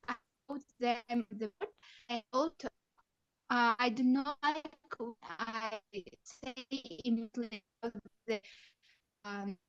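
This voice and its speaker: Woman, bad connection, audio cutting out, slow halting speech, somewhat high voice, dry muffled sound. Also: a bit bright, no room sound. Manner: halting, full of pauses and restarts. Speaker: teacher attending a webinar. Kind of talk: sharing a classroom story on a video call. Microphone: video call. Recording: muffled, dull audio over a choppy call line.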